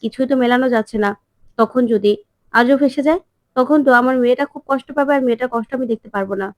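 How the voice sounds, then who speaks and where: A woman's voice: high voice, quick pace, no room sound, natural voice. A woman voicing a worried older father who fears for his daughter, in a TV serial retelling.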